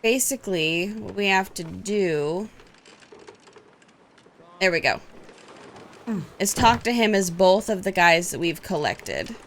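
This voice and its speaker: A woman gives casual, chatty commentary while she plays a video game, explaining each step. Her pitch moves in a lively way, and a faint hiss sits under her voice. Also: slow, long pauses. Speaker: let's play host.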